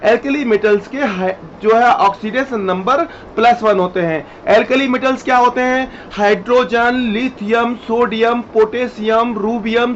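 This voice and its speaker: A man's voice: very high-pitched, a bit bright. A man teaching chemistry in a classroom-style lecture, repeating each rule step by step and addressing students directly. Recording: dull lo-fi sound, faint noise.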